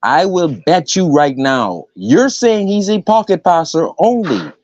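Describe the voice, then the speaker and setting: Guy pushing hard in a sports argument, lively pitch, dull dry sound. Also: measured pace, no room sound. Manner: insistent, repeats himself. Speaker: panelist. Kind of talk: heated sports debate. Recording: muffled phone audio.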